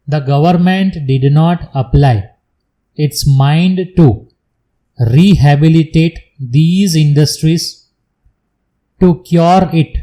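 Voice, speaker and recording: Slow dictation man, mellow. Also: on the high side, poor audio. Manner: measured delivery in short separated phrases, announcing paragraph breaks. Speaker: shorthand dictation reader.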